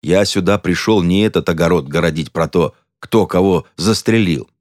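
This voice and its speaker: A man's voice: deep voice, moderate pace, a little mellow, dry recording, clean studio sound, close to an everyday voice. A man voicing a cranky, stubborn old church deacon who talks proudly and dismissively.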